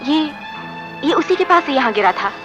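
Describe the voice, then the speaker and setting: An actress playing a gentle young princess who talks in a soft, pleading way. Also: female voice, high voice, big pitch swings, moderate pace. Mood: troubled. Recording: film soundtrack with music behind.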